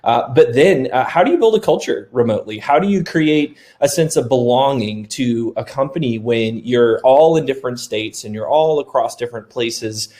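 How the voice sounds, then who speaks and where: A man in his thirties speaks on a webinar panel with a mid-range pitch. He rambles a little, is candid, and jokes at his own expense. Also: expressive, normal speed, hardly any pauses, mellow. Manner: candid, rambling, self-deprecating humor. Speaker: software developer, company founder. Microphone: video call.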